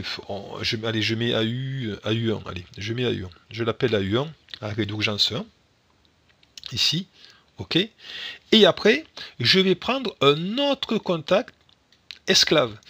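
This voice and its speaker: A man teaching a software tutorial, talking through each click as he works, with frequent fillers and restarts. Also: medium pitch, husky. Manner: thinks aloud with many fillers and restarts. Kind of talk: screen-recorded software tutorial.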